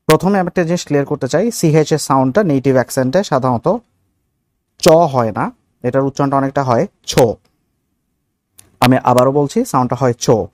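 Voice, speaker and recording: A man from Bangladesh with a Bangladeshi accent teaches English pronunciation in a video lesson, explaining slowly with fillers and repeating each example word. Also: medium pitch, darkish tone, no echo.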